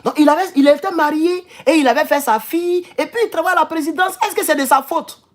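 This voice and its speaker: A man's voice: very high-pitched, fast. A man, speaking in an impassioned monologue to his followers. He is emphatic, repeats phrases, and stumbles and restarts as he goes. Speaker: political YouTuber.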